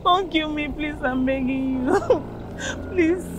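A woman's voice: sits high, slow pace, noisy background. An actress playing a terrified young woman trapped in a tree, pleading and sobbing. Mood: begging.

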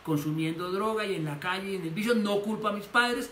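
Bright-voiced preaching man, echoey room. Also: high-pitched, a little fast. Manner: animated preaching, acts out quoted voices. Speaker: pastor. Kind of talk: sermon. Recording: echoey room with faint noise.

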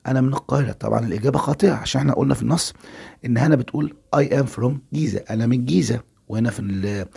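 A man's voice: mid-range voice, creaky, warm tone, husky. A man with an Egyptian Arabic accent teaching an English exam review, explaining step by step and answering his own questions.

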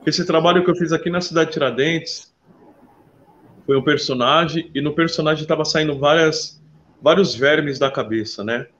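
A man with a somewhat high voice tells his stories in a lively, chatty way, warmly calling the listener "brother" as he goes. The recording sounds dull and lo-fi. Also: normal speed, slight background noise. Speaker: interview guest, visual artist. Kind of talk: casual interview storytelling.

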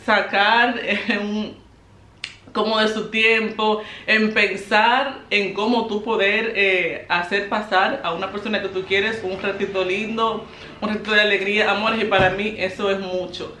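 A Dominican woman vlogging at home as she opens birthday gifts, expressive and emotional, laughing often. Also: medium pitch, measured pace, roomy sound, a little hiss or hum. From Dominican Republic. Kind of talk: casual vlog, opening birthday gifts. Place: home, indoors.

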